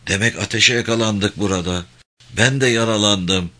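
A man's voice: fairly low pitch, moderate pace, sharp tone. A man voicing a badly wounded young soldier who calls out weakly and strains through confusion. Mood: dazed.

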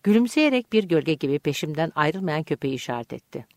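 A woman reading an audiobook chapter aloud in calm, measured scripted narration. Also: low-pitched, dry recording, studio quality.

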